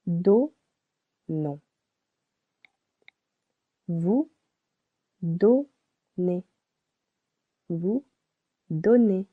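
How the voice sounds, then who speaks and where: A woman teaching a slow pronunciation lesson, spelling out letters and repeating each word. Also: on the low side, expressive, husky. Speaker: French teacher. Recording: tinny phone-like sound.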